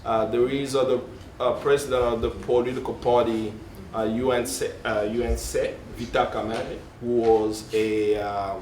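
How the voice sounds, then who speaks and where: A man's voice: mid-range voice, level tone, normal speed, hardly any pauses, darkish tone. A man speaking as a panelist who searches for words, corrects himself and says um and uh often. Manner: searching, self-correcting, frequent um and uh. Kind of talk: panel discussion. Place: conference hall panel. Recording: roomy hall, distant mic, faint noise.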